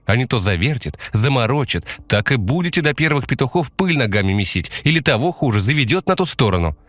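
A brisk young village girl, as a male narrator puts her on for a spoken horror story. She patters quickly in a voice raised well above his usual pitch and louder than his narration. The sound is dry. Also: sing-song, no room sound. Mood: urgent. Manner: rapid patter.

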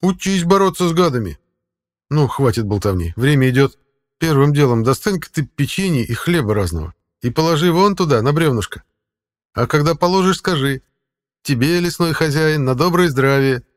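A man's voice: a little high, lively intonation, moderate pace, pitched above the performer's own voice, natural voice. A man voicing a sardonic male talking cat who mentors the hero in a scolding, mocking way. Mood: bossy. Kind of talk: audiobook character voice.

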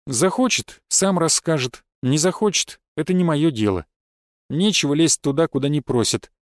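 A man reading a first-person fantasy audiobook in an even storytelling manner. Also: on the high side, normal speed, no echo, studio quality. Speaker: audiobook narrator.

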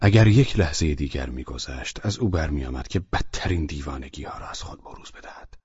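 A man with a husky voice narrating a novel as an audiobook, in a measured, steady storytelling manner. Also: extremely low pitch, no room sound. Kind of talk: scripted literary narration. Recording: dry, dull lo-fi recording.

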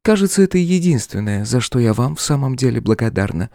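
A man voicing a calm, defiant demoness in an audiobook, speaking in a raised, unbothered tone with a smile. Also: medium pitch, fairly quick, vocal fry, no room sound, studio quality, voice pushed up. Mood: cool mocking. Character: cool mocking demoness woman, calm and defiant.

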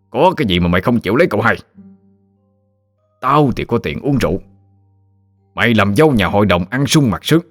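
A man's voice: on the low side, fairly bright tone. A man voicing a greedy, drunken village father who scolds and threatens harshly.

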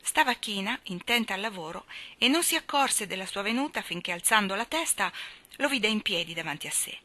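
A woman reading a novel aloud as audiobook narrator, measured and expressive. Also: medium pitch. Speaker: audiobook reader.

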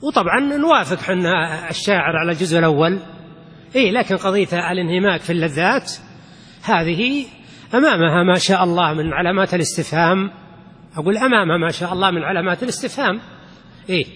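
A man's voice: high-pitched, animated, brisk, long pauses, a bit bright, husky. An older man teaching a lesson on classical rhetoric, patiently explaining and quizzing his students with check questions. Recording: long reverb of a lecture hall.

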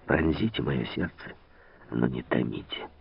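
Low, husky devoted count, read by a man, gentle and courtly, phone-thin radio sound. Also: normal speed, dry recording, natural voice. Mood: tender. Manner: soft, respectful, gentle. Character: devoted, restrained young count courting a princess. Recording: tinny old radio broadcast.

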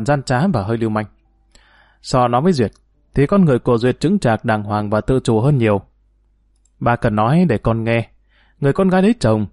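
A man voicing a stern middle-aged father who lectures his daughter firmly, in his own mellow voice. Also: medium pitch, no echo, clean studio sound, natural voice. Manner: lecturing, firm.

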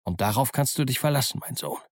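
A man's voice: medium pitch, animated, quick pace, a little mellow, no room sound, studio quality, lightly acted. A man reading the part of a cunning, boastful older pirate cook who talks in a wheedling, sly way. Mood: scolding.

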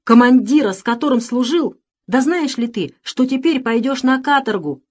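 A woman voicing a furious, hot-tempered gentleman who shouts in indignation. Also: fairly high pitch, lively intonation, moderate pace, voice pushed up.

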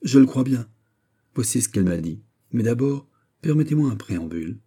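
A man's voice: mid-range voice, expressive, fairly quick, dark tone, husky, voice pushed up. A man reading aloud and voicing an impassioned, jealous young king who pleads and bursts out. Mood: earnest. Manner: pleading, rising to outbursts.

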